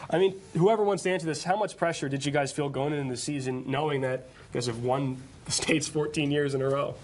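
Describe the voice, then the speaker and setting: A man's voice: on the high side, fairly even intonation, a little fast. A man hosting an awards show live in a studio, presenting and interviewing in a congratulatory manner. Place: studio set with people present.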